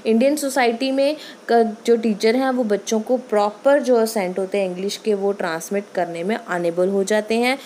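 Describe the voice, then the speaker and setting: A woman teacher with a Punjabi accent giving a lecture on English pronunciation, reading English lines slowly and explaining them quickly in Hindi. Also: medium pitch, fairly even intonation, a little mellow, a little hiss or hum.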